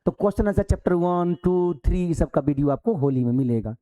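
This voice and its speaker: Mellow male coaching teacher. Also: a little high, expressive, fairly quick. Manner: conversational, rhetorical questions, acts out pupils. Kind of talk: live online class lecture. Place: hall of an offline coaching centre.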